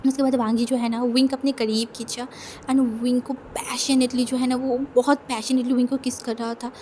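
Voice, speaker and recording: A woman's voice: on the high side, flat delivery, normal speed, a little mellow, a little hiss or hum. A woman casually narrating a fan fiction story, chatty with lots of repeated fillers.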